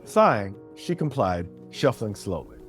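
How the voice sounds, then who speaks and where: A man narrating a fantasy story in a steady, descriptive way. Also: lowish voice, measured pace, faint music behind.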